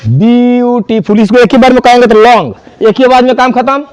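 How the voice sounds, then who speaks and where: A man's voice: very high voice, steady tone, quick pace, dry recording. A man teaching an English grammar class, spelling words out and quizzing students. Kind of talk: classroom lesson.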